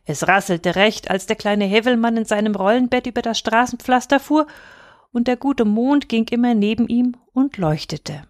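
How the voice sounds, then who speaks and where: A woman reading a fairy tale aloud in a calm, expressive way, sometimes dropping to a hush. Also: on the high side, moderate pace, dry recording, studio quality. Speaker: storyteller.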